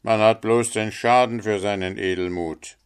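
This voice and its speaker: A man's voice: on the low side, steady tone, moderate pace, clean tone, pitched above the performer's own voice, natural voice. A man voicing a selfish, pompous miller in a storybook reading, self-pitying in tone.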